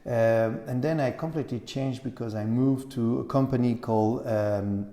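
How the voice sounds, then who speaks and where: A middle-aged cheese shop owner from Grenoble, France is a guest in a casual conversational interview, recorded in an echoey room with long reverb. His voice is mid-range and warm, and his non-native, French-accented English comes out haltingly as he searches for words.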